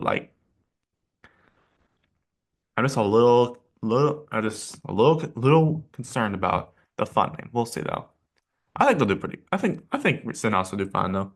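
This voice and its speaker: Male vlogger, a bit low-pitched, casual and hesitant, restarting sentences often. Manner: rambling, hesitant, many fillers and restarts. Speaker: channel host rating paint schemes. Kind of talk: casual reaction commentary.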